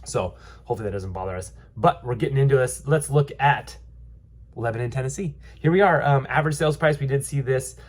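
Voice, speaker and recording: Stuffed up with a cold, a young man shares realtor market commentary on his vlog, upbeat and reassuring despite rambling through many ums and restarts. He talks a little fast at a medium pitch.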